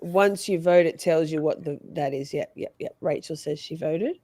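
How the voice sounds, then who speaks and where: A woman's voice: low-pitched, normal speed, dark tone, no room sound, studio quality. A woman with a nasal voice hosting a casual livestream, bantering and swearing freely as she talks with her co-host and viewers.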